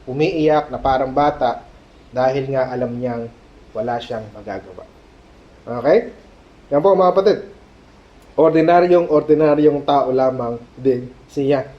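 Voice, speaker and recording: A male pastor preaching a sermon at a prayer meeting, animated, mixing Tagalog and English and checking in with "Okay?". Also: mid-range voice, a little slow, long pauses. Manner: mixes Tagalog and English mid-sentence. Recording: dull lo-fi sermon recording.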